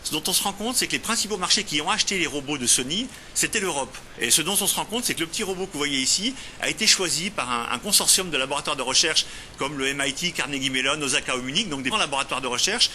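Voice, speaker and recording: Male company founder from Lyon, TV interview guest: quick, bright, hesitant, explanatory. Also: on the high side, expressive, slight background noise. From Lyon, France. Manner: explanatory, hesitant with frequent fillers and restarts. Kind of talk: TV interview answers.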